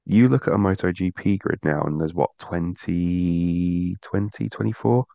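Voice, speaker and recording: A man's voice: low voice, unhurried, creaky, mellow, dry recording, highs cut off. A man co-hosting a motorsport podcast in casual chat, rambling and restarting his sentences. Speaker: podcast co-host.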